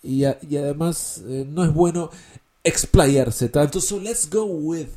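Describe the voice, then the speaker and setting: Bright-toned man teaching English patiently. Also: fairly high pitch, slow pace. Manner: explains patiently, repeating key words and examples. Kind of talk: Spanish-language English lesson by voice message.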